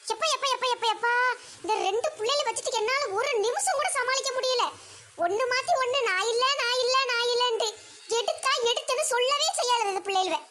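A fed-up, nagging mother with a Kanniyakumari accent, played by a woman, firing off sarcastic threats in a very high voice. Steady noise sits clearly behind her. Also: a little fast. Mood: scolding. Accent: Kanniyakumari Tamil. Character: exasperated scolding village mother. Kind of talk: comic sketch acting.

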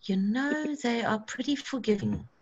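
A woman's voice: on the high side, unhurried, darkish tone, slightly rough, dull audio. A woman leading an online workshop, encouraging and practical in tone. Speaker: workshop facilitator. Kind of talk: guiding an online seed-saving workshop.

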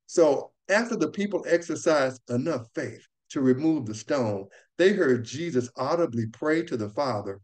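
Guy doing a bible study lesson, earnest and measured, mid voice. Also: medium pitch, a little mellow.

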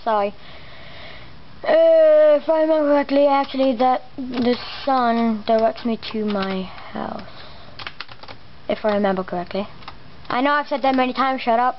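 High-pitched and pausing often at a normal speed, this let's play host comments casually on a game, swearing and muttering exclamations with slightly blurred R sounds. A camera aimed at a monitor captures the muffled, lo-fi audio over background noise.

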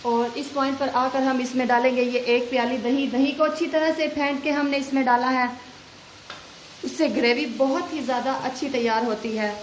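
A woman's voice: high voice, normal speed, roomy sound, a little hiss or hum, low-quality recording. A woman, a cooking channel host, talking through a recipe step by step in a voice-over. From Pakistan. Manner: steady step-by-step instructions.

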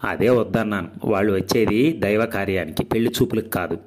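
A man's voice: lowish voice, a little fast, darkish tone, close to an everyday voice. A man reading aloud voices a solemn elderly grandfather who heads the family. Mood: grave. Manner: solemn, grave.

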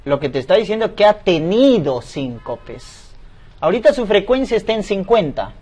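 A man's voice: high voice, big pitch swings, normal speed, a little mellow, husky, faint music behind. A man lecturing as a medical exam tutor, asking questions aloud and answering them himself. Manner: explanatory, asks and answers his own questions.

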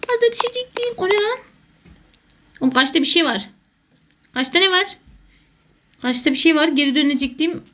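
A woman's voice: sits high, animated, moderate pace, pauses often, fairly bright tone. A woman doing jokey, panicky let's play commentary as a gaming YouTuber who calls herself a gamer mom.

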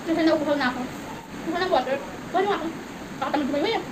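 A woman's voice: high voice, very fast. A woman in her twenties chatting casually to her camera while chewing food, in a giggly, self-mocking way. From Philippines. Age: 20s. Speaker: mukbang vlogger. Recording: distant camera mic with background noise.

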